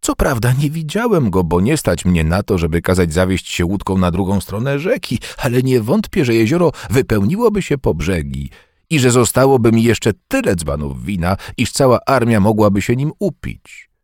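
A man's voice: lowish voice, sing-song, moderate pace, darkish tone, dry recording, studio quality, pitched above the performer's own voice. A man reading an audiobook, voicing a bitter, toothless, one-armed old war veteran who speaks with scorn. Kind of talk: audiobook character voice.

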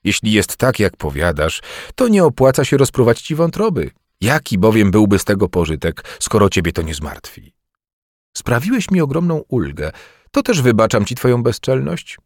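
A man's voice: on the low side, big pitch swings, moderate pace, a little mellow, dry recording. Man putting on a haughty young king, commanding, swinging inflection, dry close sound. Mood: pardoning. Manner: haughty, imperious. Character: proud young male king in pain, arrogant.

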